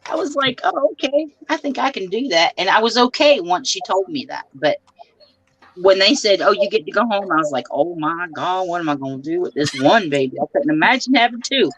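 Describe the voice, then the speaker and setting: A woman's voice: on the low side, animated, a little fast, fairly bright tone, rough recording. A middle-aged woman chatting casually and telling down-to-earth family stories. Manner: storytelling, down-to-earth. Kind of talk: casual chat.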